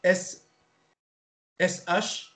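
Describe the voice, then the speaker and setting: A man leading an informal Bible study, pausing, repeating words and spelling names out letter by letter. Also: fairly bright tone, soft background music. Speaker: Bible teacher. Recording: roomy echo.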